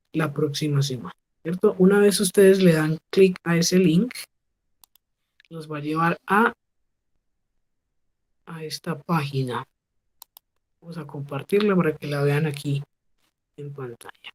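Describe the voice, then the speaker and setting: A woman teaching an English class over a video call. She models each phrase slowly and keeps checking with her students. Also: low voice, a little mellow, husky. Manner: patient, slow model pronunciation with frequent check questions. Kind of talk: online class instruction.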